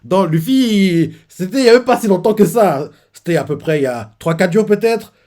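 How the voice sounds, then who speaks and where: A man hosting a live reaction to a manga chapter, retelling it in an animated way with lots of fillers. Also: sits high, normal speed.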